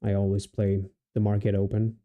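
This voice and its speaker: A man from Portugal with a Portuguese accent, giving relaxed live commentary on his trading and thinking aloud with many restarts and fillers. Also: lowish voice, normal speed, narrow, tinny audio. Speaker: day trader streaming live.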